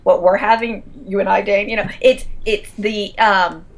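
A woman's voice: mid-range voice, steady tone, moderate pace, gravelly. Woman in her 30s, photo business consultant, gushy and chatty, keeps restarting sentences. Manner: chatty and effusive, talks at length with frequent restarts. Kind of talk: casual interview conversation.

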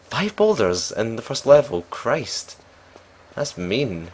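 A man's voice: mid-range voice, very animated, slow, a little mellow, husky. A young man casually commenting on his gameplay as a let's play host, rambling and joking at his own expense. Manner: chatty, rambling, self-mocking.

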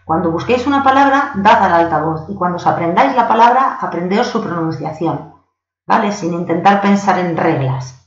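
A woman from Spain, an English teacher, giving a patient recorded lesson, slowing down for examples and often checking in with her learners. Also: on the low side, lively intonation, a little hiss or hum. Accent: Spanish from Spain. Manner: patient, slows down to read example sentences. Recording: echoey, dull lo-fi home recording.

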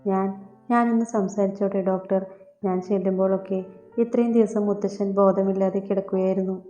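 A woman's voice: medium pitch, steady tone, brisk, natural voice. A woman voicing a worried young man, a devoted grandson who speaks earnestly and reassuringly in an audiobook story. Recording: echoey, dull lo-fi with soft music.

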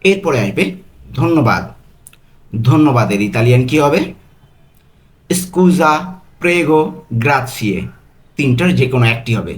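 A man teaching a quiz-style language lesson, repeating each phrase and saying the foreign words very slowly and carefully. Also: medium pitch, lively intonation.

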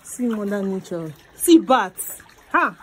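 A young woman with a Nigerian accent, chatting excitedly as she vlogs her walk through a cave and down to a river. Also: mid-range voice, slow pace, a little hiss or hum, poor audio. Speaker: vlogger. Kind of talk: casual travel vlog narration. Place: inside and around a cave and riverside outdoors.

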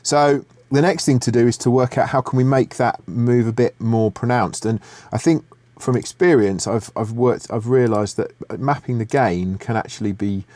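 This screen-share tutorial on music production software comes from a middle-aged man recording in his home studio. Relaxed, he thinks out loud, restarting and using fillers as he goes, in a mid-range voice at a moderate pace, with a dry recording.

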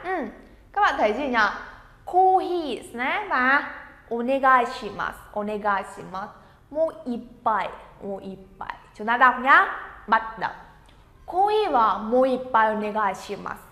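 A woman's voice: fairly high pitch, animated, measured pace, pushed and bright. A woman teaching Japanese vocabulary, encouraging her students and drilling words aloud for them to repeat. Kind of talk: language lesson. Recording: echoey room with long reverb.

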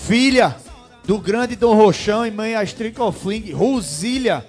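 A man's voice: high voice, animated, a little slow, darkish tone. A Brazilian man giving casual live commentary on lots at an auction. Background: music.

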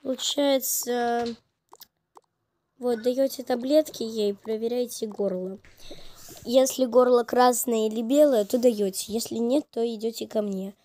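A brisk, bossy female doctor from a toy role-play story, as a hoarse woman plays her. She talks slowly in a fairly high, hoarse voice, with faint noise underneath. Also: fairly even intonation, warm tone, close to an everyday voice. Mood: instructive. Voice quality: hoarse from a cold.

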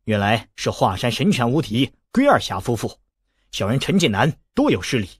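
A man voicing a calm, commanding middle-aged sect leader who speaks gravely and measuredly. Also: medium pitch, moderate pace, no room sound, voice pushed down. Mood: respectful.

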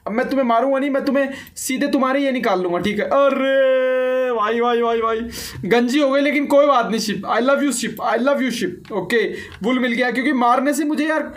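A young man giving casual let's-play commentary on a block-building game, chatty and excitable, often repeating words in rapid bursts. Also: very high voice. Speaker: gaming YouTuber.

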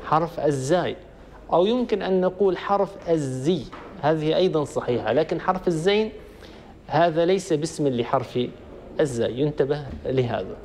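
A man, a sheikh, giving a recitation lesson, slowly drilling examples and rising in pitch on questions. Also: darkish tone, slight background noise. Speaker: sheikh teaching Quran recitation.

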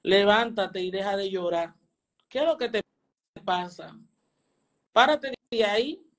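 A woman's voice: medium pitch, a little slow, natural voice. A woman voicing a stern, fatherly male spirit who scolds in commanding tones.

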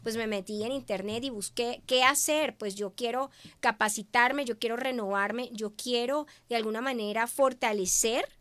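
A woman from Venezuela, a guest in an interview, telling her story in an expressive, emotional way and acting out her own past words. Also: a little high, moderate pace, dry recording. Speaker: guest, media professional.

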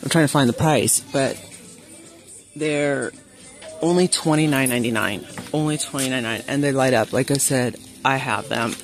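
A woman filming a shop-with-me vlog in a large store on a handheld phone, chatting excitably and reading prices aloud. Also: rumbling low, normal speed, faint music behind. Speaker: vlogger. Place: large indoor retail store. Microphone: handheld phone camera.

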